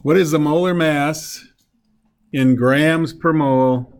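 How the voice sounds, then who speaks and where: A man's voice: a little high, steady tone, takes it slowly. A man teaching a chemistry class, working through a problem step by step and asking the students questions as he goes. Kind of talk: classroom lecture.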